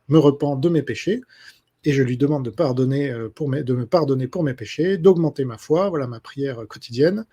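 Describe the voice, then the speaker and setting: Husky-voiced guy doing a casual q&a for his subscribers, lots of euh and restarts. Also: medium pitch, warm tone. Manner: hesitant, many fillers and restarts. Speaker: author answering subscriber questions. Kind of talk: casual spoken Q&A monologue.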